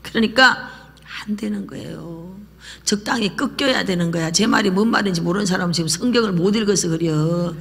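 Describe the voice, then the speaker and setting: A woman pastor preaching a lively sermon, often dropping into a whisper and having the congregation repeat after her. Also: medium pitch, a little fast, gravelly, slightly rough. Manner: lively preaching, drops to whispers and calls for repetition. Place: church sanctuary. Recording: church hall reverb.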